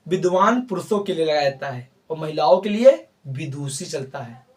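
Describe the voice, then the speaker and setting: A male teacher leads a grammar class and quizzes his students as he goes. His pitch swings up and down a lot. He sounds a little far from the mic. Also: animated, normal speed. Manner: coaxing, repeats points, quizzes students with mock answers.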